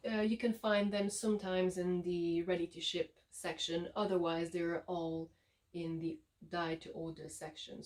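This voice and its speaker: A woman with a French Canadian accent, a yarn dyer giving a relaxed, chatty showcase of her shop's products with frequent ums and uhs. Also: lowish voice. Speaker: yarn dyer and shop owner.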